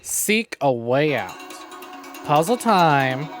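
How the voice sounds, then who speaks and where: A streamer plays a visual novel while giving casual, jokey, sweary live commentary. The voice is medium-pitched with big pitch swings and extremely slow, with video game music behind it.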